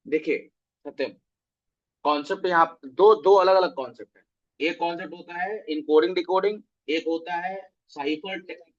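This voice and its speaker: A man's voice: a little high, normal speed, lo-fi sound. A man teaching web development in a live online class, walking through code step by step and checking in with his students. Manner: explains step by step, often checks with "theek hai". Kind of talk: live online coding lecture.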